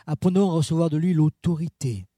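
A man preaching a sermon in a chatty way, full of fillers and asides to the congregation, with big swings in pitch and loudness. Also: fairly quick, no room sound, studio quality.

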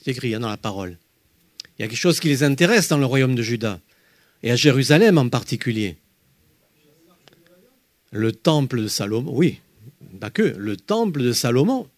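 A man teaching a Bible study, walking listeners through slides with emphatic, lively explanations. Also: mid-range voice, normal speed, pauses often, no echo.

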